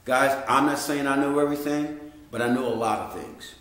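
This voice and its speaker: A man's voice: mid-range voice, a little fast, fairly bright tone. A middle-aged man giving a folksy, direct educational talk as a health coach, calling his listeners "guys". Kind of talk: educational monologue. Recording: very echoey room.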